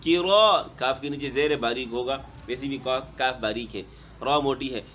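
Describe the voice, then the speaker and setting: A man teaching Quran recitation. He chants each verse slowly and melodically, then explains the pronunciation of the letters quickly in a lower, plainer speaking voice. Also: a bit bright, a little hiss or hum. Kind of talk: tajweed lesson, recitation with explanation.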